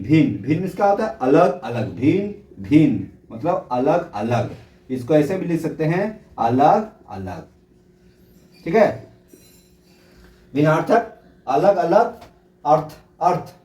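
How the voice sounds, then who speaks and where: Male teacher, fairly high voice, patient and repetitive, recorded from afar in an echoey room. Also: darkish tone, recorded from a distance. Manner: explains by repeating words and asking rhetorical questions. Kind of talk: classroom-style lesson.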